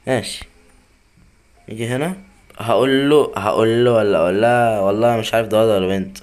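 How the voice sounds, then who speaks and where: A man's voice: on the low side, quick pace, darkish tone. A young man with an Egyptian Arabic accent, chatting casually to himself and his viewers as he plays. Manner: chatty, talks to himself and viewers while playing. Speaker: gaming YouTuber. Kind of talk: casual gameplay commentary.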